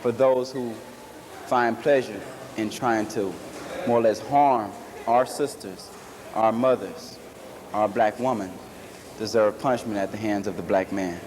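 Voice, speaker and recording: A man's voice: fairly low pitch, fairly even intonation, a little slow, darkish tone. A man giving an earnest, declarative opinion in an interview. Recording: noisy old video recording.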